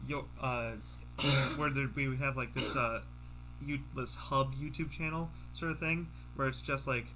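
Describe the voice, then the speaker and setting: A young man chatting casually as a podcast guest, halting and rambling, often repeating his phrases. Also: mid-range voice, fairly even intonation, sharp tone, slight background noise, low-quality recording. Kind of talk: casual chat among friends.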